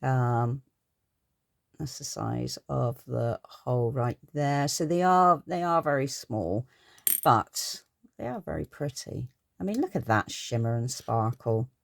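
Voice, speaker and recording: Middle-aged woman, low and lively, chatty haul vlogger in a home craft room. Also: slow, vocal fry, dry recording. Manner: chatty and gushing, rambling asides. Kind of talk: casual haul chat.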